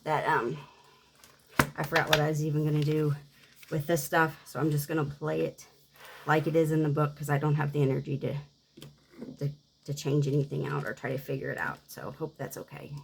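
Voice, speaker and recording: A worn-out woman with little energy, talking quietly and unhurriedly as she vlogs a savings game, coughing at times. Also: sits low, steady tone, gravelly, a little hiss or hum, rough recording. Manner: quiet, subdued, unhurried talk. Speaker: budgeting game creator. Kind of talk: casual savings-game vlog.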